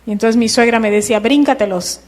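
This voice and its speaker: A middle-aged woman, telling her personal testimony in church in a lively storytelling way. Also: fairly high pitch, moderate pace. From Mexico. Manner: lively storytelling, acting out dialogue. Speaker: church member giving testimony.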